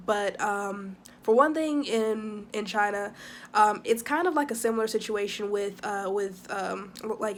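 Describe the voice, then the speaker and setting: A young woman chatting casually to camera in a vlog, talking quickly with lots of fillers and asides. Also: medium pitch, creaky, slight background noise. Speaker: vlogger living abroad.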